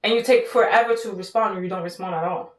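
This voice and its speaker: A woman talks through dating advice in a loose, rambling monologue full of fillers, slipping into little acted-out quotes. Her voice sits at a middle pitch and sounds a bit distant from the mic. The room around her is bare and echoey. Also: fast talker.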